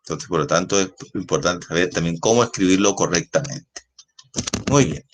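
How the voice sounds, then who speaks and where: A man's voice: low-pitched, normal speed. A man teaching a class, explaining patiently and repeating points with checking questions. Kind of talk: classroom lesson.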